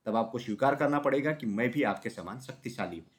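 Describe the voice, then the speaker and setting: A man's voice: medium pitch, lively intonation, fast, natural voice. A man voicing a small, clever male rabbit in a children's story, speaking politely and respectfully.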